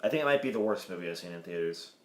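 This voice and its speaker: Young man with lively voice, echoey room. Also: deep voice, racing. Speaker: podcast co-host. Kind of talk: casual comedic movie review chat. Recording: echoey room with faint noise.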